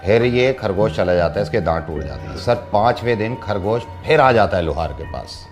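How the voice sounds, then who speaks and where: A man's voice: on the low side, expressive, moderate pace, over music. A man hosting a radio show, making a prank call and telling a joke story to a caller in a teasing, chatty way. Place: radio studio in Delhi.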